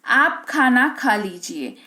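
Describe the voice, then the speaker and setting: High-voiced, slow-spoken Indian woman teacher. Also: big pitch swings, sharp tone. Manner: slow, clear drill of Hindi phrases with English equivalents. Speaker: English teacher. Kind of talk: spoken English lesson.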